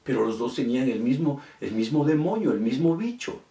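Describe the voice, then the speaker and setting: A man's voice: mid-range voice, very animated, fairly quick, mellow. Preaching man, echoey and distant. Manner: storytelling preacher, quoting people in the story. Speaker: pastor. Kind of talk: sermon. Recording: echoey room from far off.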